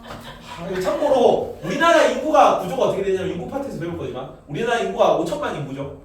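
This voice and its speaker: A man teaching a class in a lively, teasing way, his pitch swinging up and down as he fires questions at the room. His voice sits a bit high for a man. The mic picks him up from a distance, and the classroom echoes heavily around him. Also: quick pace, a crowd in the background. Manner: lively, teasing, quizzes students aloud. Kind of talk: classroom lecture with student banter.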